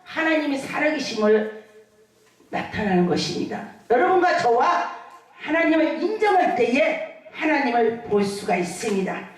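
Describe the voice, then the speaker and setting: A woman pastor preaching a lively sermon, calling out hallelujahs and acting out the people in her stories. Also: sits high, moderate pace. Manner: animated preaching with shouted hallelujahs and acted-out quotes. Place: church hall. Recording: echoey hall from far off.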